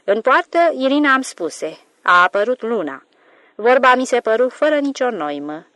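A woman narrating an audiobook of a literary novel in a calm, measured storytelling voice. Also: sits high, no echo.

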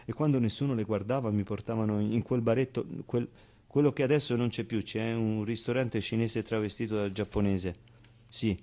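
A stage actor delivers a colloquial first-person theatrical monologue as a wistful, streetwise man remembering his orphaned boyhood. His natural, fairly low voice is wry and confiding, and his expressive, clownish delivery uses pauses and repeated phrases.

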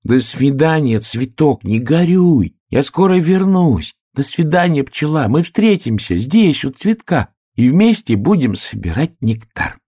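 A man's voice: a little high, very animated, unhurried, hardly any pauses, dry recording, clean studio sound, pitched above the performer's own voice. Man doing a sing-song little boy piglet. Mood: cheerful. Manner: bright, sing-song and drawn out.

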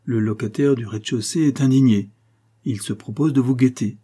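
Guy reading as an upset widow, pleading and anguished, dark breathy voice. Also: medium pitch, moderate pace, lightly acted. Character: emotional middle-aged widow, tender then bitter.

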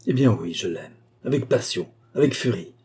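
A man's voice: medium pitch, moderate pace, mellow, breathy edge, close to an everyday voice. A man voicing a proud, passionate female courtesan in an audiobook reading, raising his voice for her. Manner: haughty, passionate.

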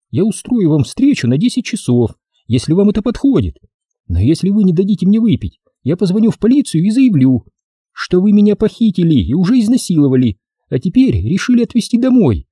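A man voicing a sharp-tongued young woman who teases and mocks with sarcasm. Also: high-pitched, sing-song, a little fast, slightly rough, dry recording, studio quality, pitched above the performer's own voice, heavily acted. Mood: teasing. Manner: teasing, sarcastic.

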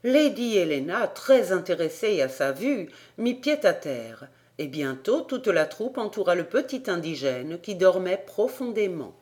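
A woman narrating a classic novel as an audiobook reader, with clear, steady delivery. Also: fairly low pitch, measured pace.

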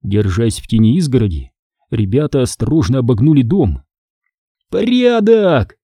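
A man reads a horror story with suspense, slowing down at the tense moments. His voice is very dark and husky, and his pitch moves a lot. The recording is close and dry. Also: expressive, no echo. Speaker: audiobook narrator. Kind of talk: scripted horror narration.

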